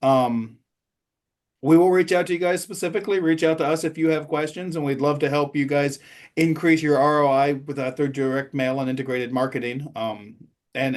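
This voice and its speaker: A man closing out a business webinar in a friendly, informal way. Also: mid-range voice. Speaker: co-host. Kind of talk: webinar wrap-up.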